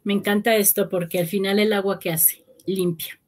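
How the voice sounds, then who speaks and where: A woman's voice: medium pitch, fairly even intonation, normal speed. A woman hosting a talk on grief, explaining reflectively with everyday examples. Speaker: host. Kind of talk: casual talk on grief and healing.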